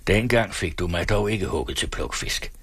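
Low husky man voicing a wry, stubborn ex-soldier farmhand, calm and cheeky. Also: no echo. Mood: mocking. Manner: plain-spoken, calm and wry. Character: sly, stubborn former cavalryman, a farmhand.

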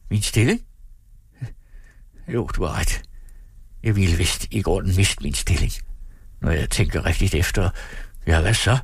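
A man voicing a blustering, greedy man who swings between rage and self-pity, ranting and accusing in a husky voice. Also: pauses often, dry recording. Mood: furious, bitter. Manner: ranting, accusing, shrill when furious.

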